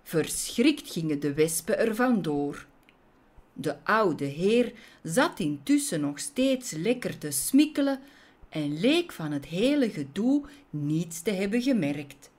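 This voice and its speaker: A woman reads a children's story aloud in an expressive, storytelling manner. Her voice moves through a wide, lively melody, and she takes an unhurried, slow pace. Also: lowish voice.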